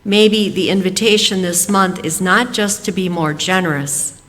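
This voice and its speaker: A woman's voice: on the low side, fairly even intonation, a bit bright. Woman reading in a reverberant hall. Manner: measured, read from script. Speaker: service leader introducing the speaker. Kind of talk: reading an introduction. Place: fellowship hall.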